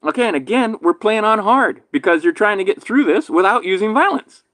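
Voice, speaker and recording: A man from Hawaii with a slight lisp from a damaged tooth, rambling through a casual monologue, swinging between loud emphatic bursts and low mutters. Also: animated, a little fast, dry recording. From island in Hawaii. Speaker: vlogger.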